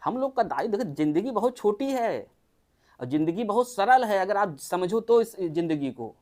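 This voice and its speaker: Doctor, mid-pitched, casual group health talk, keeps firing rhetorical questions. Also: very animated, normal speed, a little mellow. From Uttar Pradesh, India. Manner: chatty, asks the listeners many rhetorical questions.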